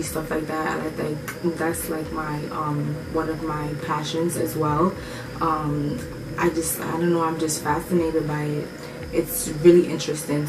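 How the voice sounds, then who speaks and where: Female vlogger, low register, loose rambling delivery, roomy echo. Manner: rambling, filler-heavy, lots of "like" and "um". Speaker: vlogger answering viewer questions. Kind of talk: casual Q&A chat. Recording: echoey room, mic at a distance, noisy background.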